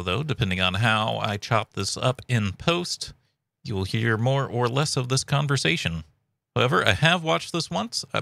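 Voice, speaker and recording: A man hosts a casual commentary video in a fairly low voice with a creaky edge. He talks conversationally, close to the mic in a dry home setup. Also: sharp tone, dry recording. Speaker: video host giving thoughts and theories.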